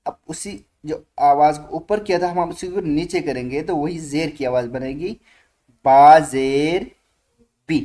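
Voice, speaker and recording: A man teaching Quran reading, calling out letter sounds slowly and stretching each one for learners to repeat. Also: on the high side. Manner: asks learners to repeat loudly after him. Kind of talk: slow drilled recitation lesson.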